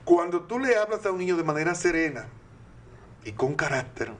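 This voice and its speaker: Older Dominican man, high voice, earnest advice-giver, teaching tone. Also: sing-song, normal speed, a bit bright. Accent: Dominican Spanish. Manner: earnest and didactic, with rhetorical questions. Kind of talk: advice talk.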